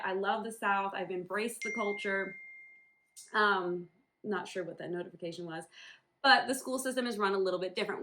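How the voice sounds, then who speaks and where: Her medium-pitched voice sounds pushed and bright as she rambles casually about her home embroidery business. She's from Northern New England in the USA, and the vlog-style chat is packed with ums and likes.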